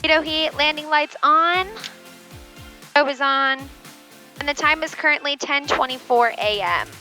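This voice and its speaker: A woman pilot speaks into her cockpit headset as she works through her checklist. Her callouts are calm and methodical, and her voice is bright, crisp and a little high. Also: measured pace, faint music behind. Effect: pilot speaking on a cockpit headset mic. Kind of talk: talking through preflight checks and radio calls. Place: small twin-engine airplane cockpit. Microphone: aviation headset.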